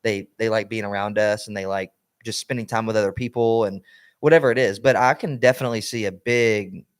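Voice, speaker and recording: A man's voice: on the low side, steady tone, a little fast, clean tone. A young man co-hosting a podcast in casual chat, rambling with lots of fillers and restarts. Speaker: podcast co-host.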